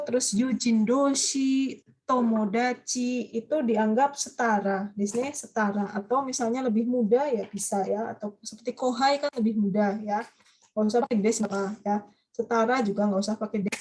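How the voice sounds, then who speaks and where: A woman teaching a language class online, lively and coaxing students with quick questions. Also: medium pitch.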